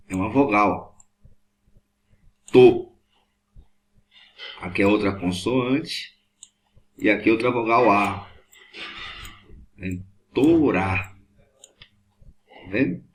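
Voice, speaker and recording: A man teaching a Hebrew class, patiently repeating each point and checking whether students follow. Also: fairly low pitch. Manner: patient, repetitive, checks understanding often. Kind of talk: classroom lesson at a board.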